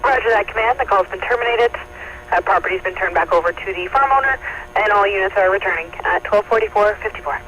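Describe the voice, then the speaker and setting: Brisk high-voiced male fire dispatcher over radio. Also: pushed and bright. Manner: brisk, repeats back calls and gives times. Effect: heard over a two-way radio. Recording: muffled radio with faint static.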